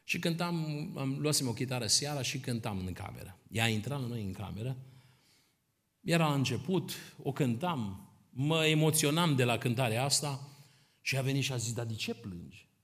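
A middle-aged man preaching a sermon to his congregation, emphatic, swinging between quiet asides and loud exhortation. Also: mid-range voice, expressive.

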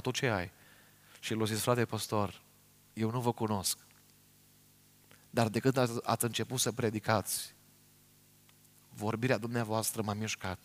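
A middle-aged man from Romania preaches a sermon with a somewhat low voice. He tells his story earnestly and speaks straight to his congregation.

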